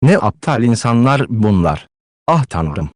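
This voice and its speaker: Fierce grieving widow read by a man, pleading and scolding, dry close recording, mid-pitched voice. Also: very animated, a little slow, a little mellow, no room sound. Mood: anguished. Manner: emotional, pleading and scolding declamation. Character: distraught consumptive widowed mother, fierce and proud.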